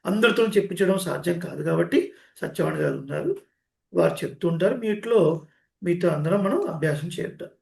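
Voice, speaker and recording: A man teaching Sanskrit verses in an online call, chanting each line slowly and correcting how it is pronounced. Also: fairly high pitch, lively intonation, gravelly, a little mellow, roomy sound. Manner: slow, drawn-out chanting, correcting pronunciation. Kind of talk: chanting lesson with call and response. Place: online meeting.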